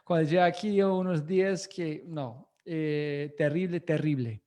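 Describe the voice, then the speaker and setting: Energetic man in halting Spanish. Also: on the high side. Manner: energetic, enthusiastic; halting non-native Spanish. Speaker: interview guest, podcaster. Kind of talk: livestreamed interview talk.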